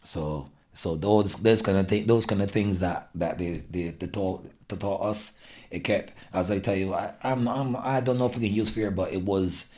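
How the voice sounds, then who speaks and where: A middle-aged man with a Barbadian accent, a guest telling about his upbringing in an earnest, halting way with many restarts. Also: low-pitched, darkish tone. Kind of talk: casual interview.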